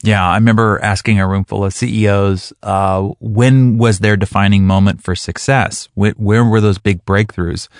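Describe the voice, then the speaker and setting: A man's voice: fairly low pitch, steady tone, moderate pace, few pauses, dry recording, clean studio sound. A man interviewing a guest in a conversational way, with fillers and restarts. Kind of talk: interview questions.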